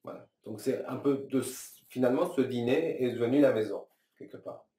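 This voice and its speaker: A man in his thirties from Iran talks through his ideas in an interview, pausing and restarting often, stacking fillers as he searches for words. His voice is warm and mellow, heard a little off-mic in a roomy space. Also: medium pitch. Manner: thoughtful, halting, many restarts and fillers, gestures with both hands. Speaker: filmmaker being interviewed. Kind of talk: reflective interview answers. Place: small room, seated at a table. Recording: roomy, slightly distant sound.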